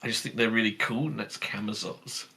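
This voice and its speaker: A man's voice: on the low side, fairly even intonation, brisk, vocal fry, pushed and bright, breathy edge. A man chatting as a guest on a game stream, friendly and agreeable, laughing often. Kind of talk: casual chat while gaming.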